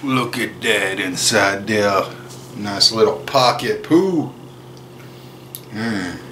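Laid-back guy in his 30s doing a home cooking vid, slow chatty talk, faint kitchen clatter behind. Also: fairly low pitch, animated, background noise. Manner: slow, easygoing, jokey, chews between remarks. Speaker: cooking vlog host. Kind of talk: casual cooking demo. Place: home kitchen and dining room, indoors.

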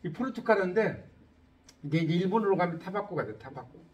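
A man's voice: high voice, brisk, lo-fi sound. A middle-aged man teaching an English lesson in Korean, quizzing his listeners and joking as he goes. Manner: lively, asks students questions, jokes. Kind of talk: classroom-style lecture.

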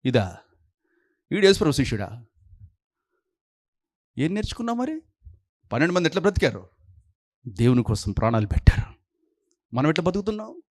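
A male pastor with a fairly high voice delivers a sermon, scolding and peppering the congregation with pointed questions. He sounds close to the mic in a dry, dead room. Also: big pitch swings, brisk, long pauses, darkish tone, no echo.

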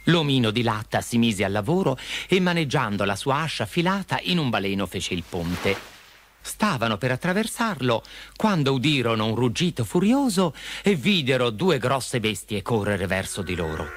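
A man narrating a children's fairy tale, with lively, expressive storytelling. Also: medium pitch, moderate pace, a little hiss or hum. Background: background music.

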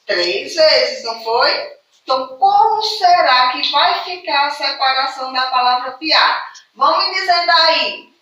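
A woman's voice: high voice, animated, measured pace, pushed and bright. A woman teaching a primary school lesson with a Brazilian Portuguese accent, talking sweetly to children with lots of diminutives. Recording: echoey, distant and dull home video.

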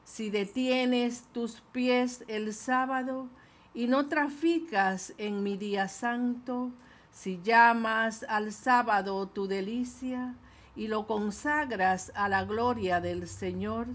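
Older woman lector, very slow and measured scripture reading, lectern mic in a small chapel. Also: a little high. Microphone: lectern microphone.

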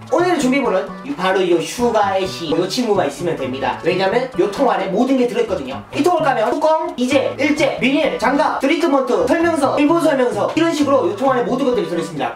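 A goofy, bubbly man in his twenties hosting a playful hair-dye tutorial vlog and cracking self-mocking jokes, recorded indoors at home. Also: very high-pitched. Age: 20s. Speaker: beauty vlogger. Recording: roomy echo with background music.

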